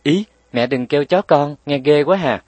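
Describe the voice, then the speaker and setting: A man's voice: moderate pace, a little mellow, dry recording, lightly acted. A man voicing a playful, stubborn little girl who bites her playmates, speaking cheekily in a raised voice. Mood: pleading. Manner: pleading, cheeky, raised pitch.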